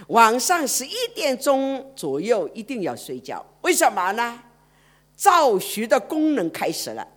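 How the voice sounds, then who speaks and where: A woman preacher, telling a story in a sermon and swinging from loud exclamations to hushed murmurs. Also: fairly high pitch.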